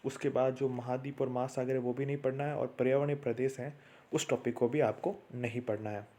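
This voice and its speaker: Man, exam tutor, steady listing delivery, flat, dark tone. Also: mid-range voice, fairly quick. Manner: steady list-like delivery, addresses viewers as friends. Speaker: exam prep teacher. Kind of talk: exam syllabus walkthrough.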